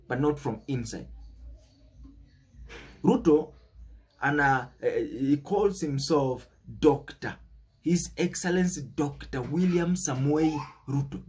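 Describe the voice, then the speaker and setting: Here a young Kenyan-accented commentator offers an emphatic, preachy political monologue without a script, leaning on stressed words and repeated phrases. His voice is on the high side, with a darkish tone and a breathy edge.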